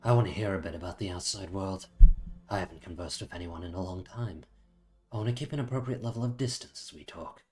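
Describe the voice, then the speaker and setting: A man reading manga aloud and voicing a calm, long-imprisoned swordsman in a low, measured, matter-of-fact way. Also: faint music behind, lightly acted.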